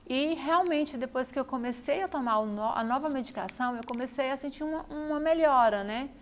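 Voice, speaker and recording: A woman's voice: high-pitched, fairly quick, slight background noise. A woman telling her own story to camera, repeating phrases for emphasis. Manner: repetitive, emphatic retelling. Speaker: vlogger.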